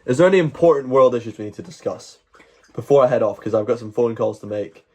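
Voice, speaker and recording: A man's voice: mid-range voice, animated, fast, a little mellow, breathy edge. A Scottish man chatting casually on a livestream, rambling along with jokey mock-boasting. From Scotland. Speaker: live streamer. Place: at home, moving between outdoors and indoors.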